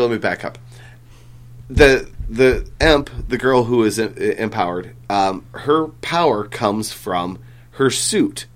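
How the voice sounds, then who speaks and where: Man, lowish voice, podcast host, loose and rambling, full of ums, casual cursing. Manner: rambling, filler-heavy, swears casually. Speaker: comic book podcast host.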